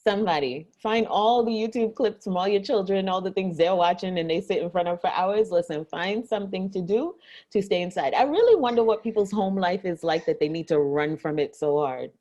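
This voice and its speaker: A woman's voice: mid-range voice, brisk, mellow. A woman from Guyana in a casual comedic rant with a friend, speaking emphatically and exasperatedly and repeating phrases for effect. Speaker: co-host of an online rant show. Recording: dull lo-fi audio.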